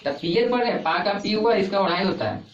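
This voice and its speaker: A man's voice: high voice, expressive, brisk, highs cut off. Male teacher questioning a class. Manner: repeats points and keeps asking the class questions. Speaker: English teacher. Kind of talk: classroom lesson. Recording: echoey classroom from far off, noisy.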